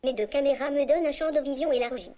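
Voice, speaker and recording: A synthetic female text-to-speech voice speaking as a small, polite humanoid robot introducing itself in an even, scripted way. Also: high-pitched, quick pace. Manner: even, scripted self-introduction with stock phrases. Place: conference stage, robot's own speaker.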